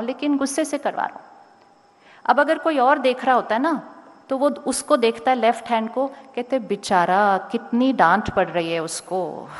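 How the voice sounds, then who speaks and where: A woman giving a motivational spiritual talk to a school audience, speaking slowly and deliberately and sometimes calling on the crowd to raise their hands. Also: mid-range voice. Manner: calm, slow and deliberate, rising to urge the crowd. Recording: long hall reverb.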